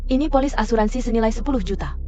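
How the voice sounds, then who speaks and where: A scheming young daughter voiced by a woman speaks in a slightly high, sugary, coaxing tone that curdles into cold mockery. Faint music plays under the dubbed drama. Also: racing, darkish tone, natural voice. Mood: cold mocking. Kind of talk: dubbed mini-drama acting.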